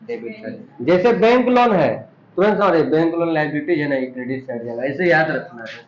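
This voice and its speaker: A man's voice: on the high side, animated, brisk, a little hiss or hum. A man teaching an accounting class, explaining terms and quizzing his students with repeated questions. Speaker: commerce teacher. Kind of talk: classroom lesson. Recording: dull echoey room recording.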